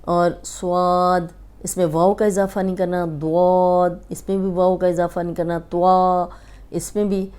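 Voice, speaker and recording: A woman with a Pakistani Urdu accent teaching tajweed in a slow lesson, patiently repeating and stretching each letter sound. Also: on the low side, flat delivery, darkish tone, clear, resonant tone. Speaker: Quran reading teacher.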